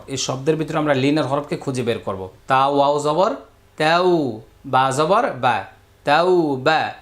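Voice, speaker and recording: A man's voice: on the high side, fairly bright tone. A man teaching Arabic letter sounds as a Quran reading lesson, drawing out each syllable and repeating it twice, with patient, direct instructions to the viewer. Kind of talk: slow call-and-repeat Arabic letter drill.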